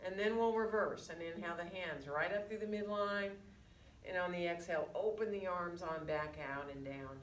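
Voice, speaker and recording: A woman teaching a gentle yoga class, speaking through a face mask and giving guided breathing and movement instructions. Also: on the low side, moderate pace. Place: indoor yoga studio. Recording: distant mic, echoey room, faint noise.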